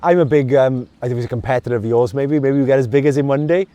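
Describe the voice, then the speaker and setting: A man with a Welsh accent, a guest in a casual interview, telling stories in an expressive, emotional way. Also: mid-range voice, fast talker.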